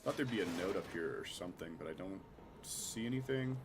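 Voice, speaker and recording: A man's voice: deep voice, expressive, fairly quick, music in the background. A man streaming a game with casual live commentary, chatty and self-mocking with some swearing, his voice nasal and his throat scratchy from a cold.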